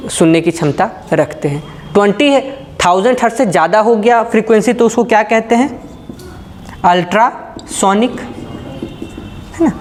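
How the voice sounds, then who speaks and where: A man's voice: sits high, a little hiss or hum. Man teaching physics. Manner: asks questions and answers them himself, with frequent checks like "right?"; folksy, uses everyday examples. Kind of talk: classroom lecture.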